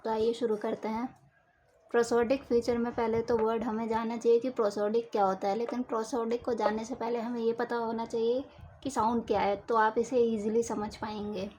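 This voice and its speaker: Higher-voiced woman teaching a lesson. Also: level tone, mellow, a little hiss or hum, low-quality recording. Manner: explains slowly with examples, repeats key terms. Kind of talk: Hindi lecture for exam preparation.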